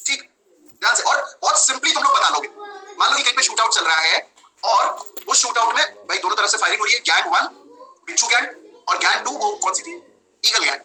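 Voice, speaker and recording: Bright-voiced man teaching a law class. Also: high voice, a little hiss or hum, poor audio. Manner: lively, switches between Hindi and English, acts out examples. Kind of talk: live online class lecture.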